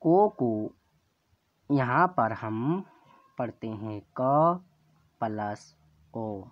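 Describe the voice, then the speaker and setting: Man teaching letters super slow, spells each sound out, dull lo-fi audio. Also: mid-range voice, lively intonation, no room sound. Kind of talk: slow classroom explanation.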